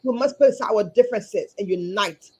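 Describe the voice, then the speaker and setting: A woman from Liberia, speaking earnestly as a guest over a video call, often repeating words and pausing on fillers. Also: mid-range voice, a little mellow, breathy edge. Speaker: guest, community advocate and chapter chair. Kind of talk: livestream interview.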